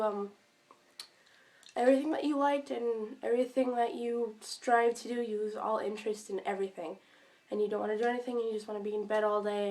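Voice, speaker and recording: A teenage girl talking to camera in a personal vlog, hesitant with many pauses and restarts, sick and speaking around a cough drop. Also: a little high, a little mellow. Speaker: vlogger.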